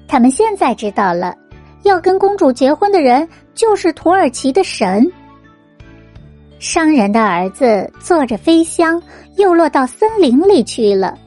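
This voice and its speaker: Woman, children's bedtime storyteller, high voice, lively varied intonation, music behind. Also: measured pace. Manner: expressive storytelling to little listeners. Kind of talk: bedtime fairy-tale narration for small children.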